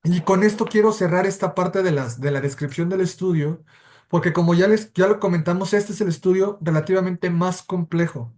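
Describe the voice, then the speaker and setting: At a moderate pace, a man with a Mexican Spanish accent teaches a church Bible study in a high-pitched, a little mellow voice. He's explanatory and methodical, going step by step and correcting himself along the way.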